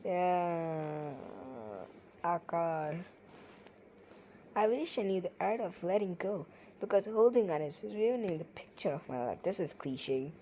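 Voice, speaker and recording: A woman's voice: on the low side, lively intonation, slow, long pauses, mellow, slight background noise, poor audio. A woman reading poems aloud and reviewing them in casual commentary, with sarcastic, playful, ranting asides. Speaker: poetry reviewer.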